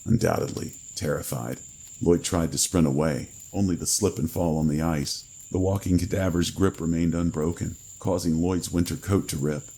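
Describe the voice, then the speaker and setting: A man reading a first-person horror story in a slow, grave storytelling manner. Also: sits low, warm tone, poor audio. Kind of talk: scripted horror narration.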